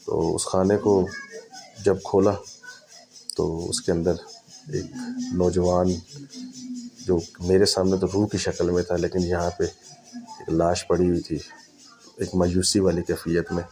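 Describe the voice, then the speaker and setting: A man telling a first-person spooky story in a dramatic, unhurried way, repeating phrases for effect. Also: sits low, little pitch movement, music in the background.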